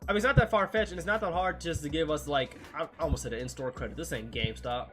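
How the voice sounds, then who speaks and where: A man's voice: a little high, fast talker, a bit bright, soft background music. A man hosting a casual gaming news podcast, reading out stories and joking in slangy banter. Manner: laid-back slangy banter, reads news items aloud. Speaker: podcast host.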